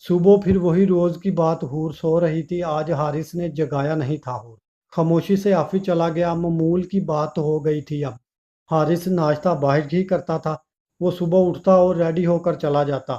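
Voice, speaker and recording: A male storyteller reading a dramatic story aloud in a steady, measured way, in a dull lo-fi recording. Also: on the high side. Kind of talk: scripted story narration.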